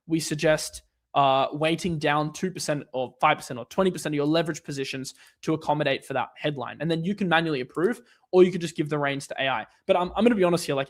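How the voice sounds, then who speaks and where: Chatty man with a higher voice. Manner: loose, rambling, lots of "like" and restarts. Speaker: livestream host answering viewer questions. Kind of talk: casual livestream Q&A.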